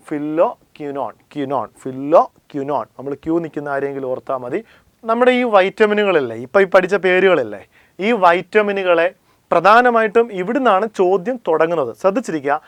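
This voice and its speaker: Man, exam-prep teacher, fairly high voice, dry close sound, repeats points and quizzes back. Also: no room sound.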